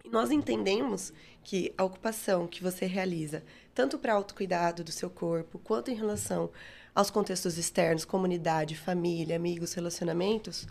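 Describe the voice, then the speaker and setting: A woman with a Brazilian accent, a guest occupational therapist, explains her field in a halting, slightly nervous way. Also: lowish voice, vocal fry, darkish tone. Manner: hesitant, halting, a little nervous.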